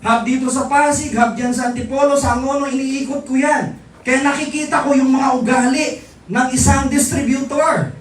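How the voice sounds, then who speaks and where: A man's voice: very high voice, steady tone, moderate pace. A middle-aged man, giving a live motivational seminar talk to distributors, teasing the audience and asking rhetorical questions. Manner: teasing, jokes with the crowd, asks rhetorical questions. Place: large indoor event hall. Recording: echoey hall from far off, faint crowd. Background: faint audience noise.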